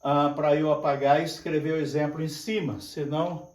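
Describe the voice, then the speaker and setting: An older man teaching at a whiteboard, explaining slowly and repeating each point while checking that his students follow. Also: on the high side, little pitch movement, distant mic. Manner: slow, repetitive, drawn-out explaining with frequent checks. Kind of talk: classroom lecture at a whiteboard. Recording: echoey room.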